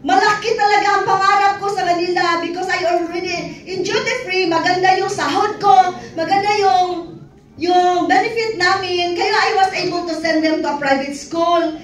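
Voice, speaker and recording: Speaking at a normal speed in an extremely high, fairly level voice, a middle-aged woman shares her life story as a testimony, breaking into laughter and acted-out quotations. The sound is distant and echoey, captured in an event hall with listeners faintly audible in the background.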